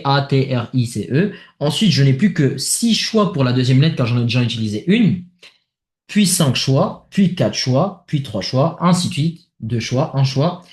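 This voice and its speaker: A man with a French accent walks through a math exercise in a casual, think-aloud way, full of small fillers. His voice sits a little high for a man. The sound is roomy and echoey. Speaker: math tutor. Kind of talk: worked exercise explanation. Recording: echoey room.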